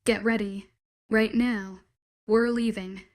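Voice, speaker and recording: Read by a woman, a commanding young man in a spoken romance story barks short, clipped orders. His anger is protective and forceful, at a mid-range pitch. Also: fairly even intonation, slow pace, close to an everyday voice. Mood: angry.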